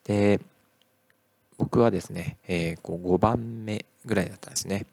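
A middle-aged male teacher talking casually in a podcast monologue, relaxed and full of "eh" fillers. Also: on the low side, normal speed, creaky, dry recording.

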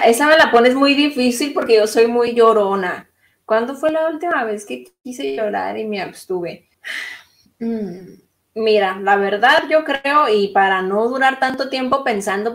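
A woman co-hosts a podcast in relaxed, casual chat. She talks candidly about feelings and tells personal stories with warmth and humor. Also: mid-range voice. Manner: candid, emotional storytelling with laughs. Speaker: podcast co-host.

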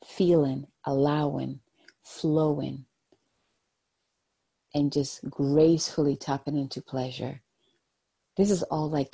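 A host giving a spiritual card reading and guided meditation in a soft, soothing, breathy, husky voice. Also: medium pitch. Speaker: host, oracle card reader.

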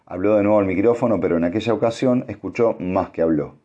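Deep-voiced male audiobook narrator. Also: fast talker, warm tone, highs cut off. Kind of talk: scripted narration.

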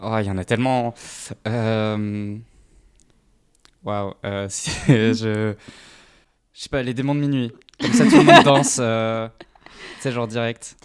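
A young man from Paris, a student guest, chatting casually on student radio, relaxed and hesitant with many fillers. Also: fairly low pitch, slow pace, long pauses, clean tone. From Paris, France. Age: young adult.

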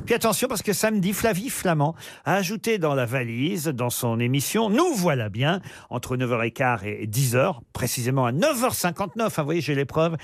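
A man hosting a radio game show, teasing callers and reading sponsor copy briskly. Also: a little high, very animated, dry recording, studio quality. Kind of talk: playful radio banter.

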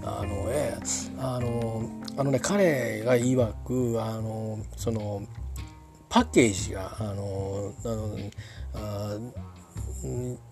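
A man's voice: lowish voice, steady tone, slow, gravelly, music in the background. A man telling a casual anecdote in a rambling way, full of fillers and restarts.

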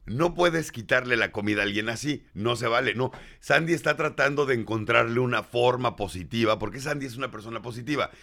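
A middle-aged man with a Mexican accent, hosting a radio show in casual comic banter, animated and jokingly indignant. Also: medium pitch, a little fast, creaky, few pauses.

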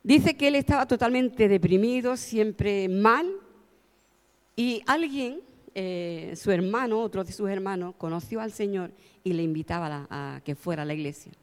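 A woman's voice: mid-range voice, moderate pace. A woman from preaching a sermon, telling stories heartfelt and pressing her points with emphasis. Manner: heartfelt, storytelling, rising to emphatic. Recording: long hall reverb.

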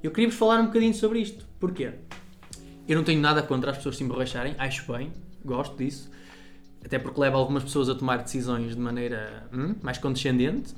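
A man's voice: medium pitch, fast talker, soft background music. A man, hosting a casual chat in a teasing, colloquial way. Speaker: podcast host.

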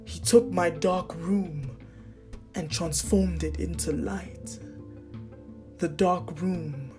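A woman performing a spoken word poem in an intense, dramatic way, slowing to hushed line endings. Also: on the low side, steady tone, over music.

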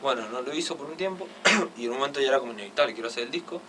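A young man with an Argentine accent, chatting excitedly and casually, full of slang and fillers. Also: medium pitch. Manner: fast, excited, heavy slang, constant fillers. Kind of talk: casual chat. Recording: distant mic with faint noise.

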